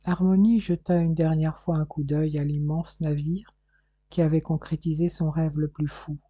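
A man narrating an audiobook in a calm, measured storytelling manner. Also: fairly high pitch, no room sound, muffled recording. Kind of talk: scripted narration.

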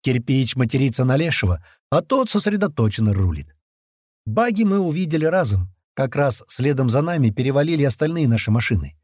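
A man narrating a first-person action audiobook, acting out the crew's shouted lines as he reads. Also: mid-range voice, fairly quick, no room sound, studio quality. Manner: lively, voices the gang's shouts in character.

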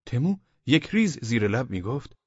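A man narrating a humorous story as an audiobook, in a warm, measured way with soft half-whispered passages. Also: medium pitch, sing-song, breathy edge, no echo. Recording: dull lo-fi dry audiobook recording.

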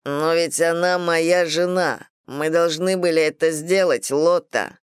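Brief: guilty young husband, low and shaky, read by a woman, dry close sound. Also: steady tone, measured pace, clear, resonant tone, no echo. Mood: remorseful. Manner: shaky, apologetic. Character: remorseful young husband and king's son.

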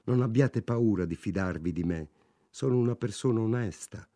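A man's voice: fairly low pitch, moderate pace, mellow, no room sound, studio quality, close to an everyday voice. A man doing an earnest, pleading young drifter.

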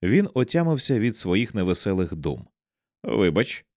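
A man reading an audiobook in a dramatic, expressive way. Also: fairly low pitch, moderate pace, no echo, studio quality. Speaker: audiobook narrator. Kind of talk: audiobook narration.

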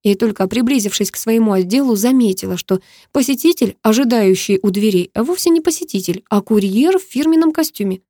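A woman's voice: fairly high pitch, animated, fairly quick, hardly any pauses, dark tone, dry recording. A woman narrating a first-person romance novel in an emotive, intimate storytelling manner, close to the mic. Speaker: audiobook narrator.

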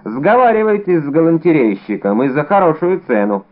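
A man's voice: on the high side, big pitch swings, fairly quick, voice pushed up. A man reading an audiobook, voicing a blunt, hot-headed musketeer in a narrow, phone-like recording.

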